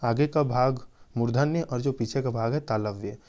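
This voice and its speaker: Mellow-voiced man teaching exam questions. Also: medium pitch. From Chhattisgarh, India. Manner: explains slowly and repeats key points. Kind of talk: quiz-style exam lesson.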